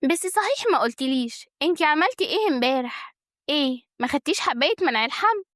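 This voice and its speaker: A woman voices a nosy young Egyptian woman who pries with teasing questions. Her voice is high and brisk. It is recorded dry and close. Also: expressive, fairly bright tone, no echo. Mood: prying. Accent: Egyptian Arabic.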